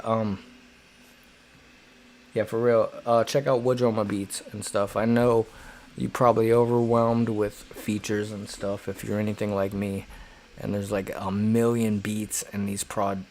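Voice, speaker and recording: A man's voice: fairly low pitch, a little mellow, slight background noise. A man hosting a casual livestream chat, rambling and joking at his own expense. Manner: rambling, joking, self-deprecating. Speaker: livestream host.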